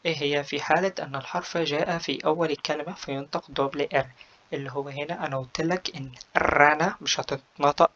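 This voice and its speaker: Male teacher with an Egyptian accent, explaining Spanish pronunciation. Patient, stretches out example words, pauses often. Slightly muffled recording. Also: a little high, fairly even intonation, fairly bright tone. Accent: Egyptian Arabic. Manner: slow, careful drawn-out syllables when demonstrating Spanish words; frequent hesitant "aah" fillers. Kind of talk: spoken pronunciation lesson.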